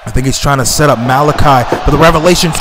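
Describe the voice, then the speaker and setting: A man doing excited play-by-play commentary over a wrestling video game, exclaiming and gasping as his voice leaps up. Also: mid-range voice, fast. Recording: loud game music and crowd noise. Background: game music and arena crowd.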